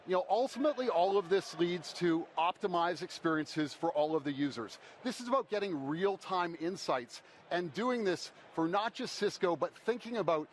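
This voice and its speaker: A man's voice: high voice, animated, moderate pace, hardly any pauses. A man giving a podium speech as a conference presenter, explaining step by step and posing questions that he then answers. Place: conference stage. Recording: faint background noise.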